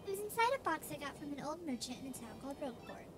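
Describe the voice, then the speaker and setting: A prim young princess with a high, sing-song voice that swoops up and down, put on by a woman playing a video game. She is sweet and polite but quietly pushy, reading her letter like a fairy-tale royal. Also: big pitch swings, rapid-fire, over music. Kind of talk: let's play voice acting.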